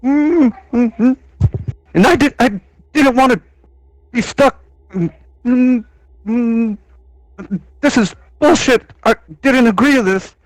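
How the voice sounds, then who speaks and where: A man's voice: very high voice, takes it slowly, pauses often, dry recording, pitched above the performer's own voice. A man putting on a muffled, upset woman upstairs. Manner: muffled, frustrated grumbling.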